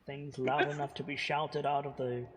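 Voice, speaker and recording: A man voicing an ancient talking oak tree spirit in a tabletop game, speaking in an unhurried, cryptic, gently knowing way. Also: a little high, level tone, big-room sound, close to an everyday voice. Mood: gentle, solemn.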